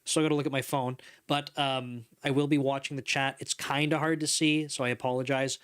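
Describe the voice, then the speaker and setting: A man in his thirties hosts a casual livestream from a home studio with a couch and neon lights, talking at length, laughing often and reading chat messages aloud into a desk mic in front of him. His mid-range voice is level, fairly quick, slightly bright and clean.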